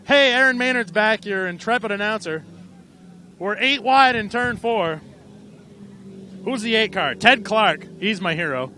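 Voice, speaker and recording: A man calling a live race outdoors at an amateur track, irreverent and profane, getting excited as the action builds. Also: high-pitched, unhurried, pauses often, a little hiss or hum. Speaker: race announcer.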